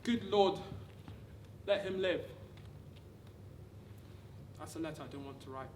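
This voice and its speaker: A woman giving a rehearsed dramatic reading of wartime letters, measured, with deliberate pauses. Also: low voice. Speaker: actor reading a monologue. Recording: distant, echoey room with background noise.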